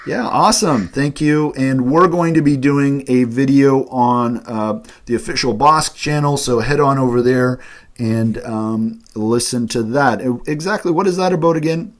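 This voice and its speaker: A man's voice: medium pitch, moderate pace. Enthusiastic male fan host. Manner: enthusiastic, loose with fillers. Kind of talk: casual chat.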